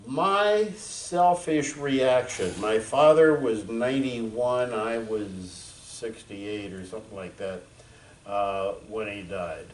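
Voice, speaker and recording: A man in his seventies, a veteran, giving a frank, reflective talk to an audience with many pauses and fillers. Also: fairly low pitch, steady tone, distant mic. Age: 70s. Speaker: veteran speaker. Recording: echoey room, voice from afar.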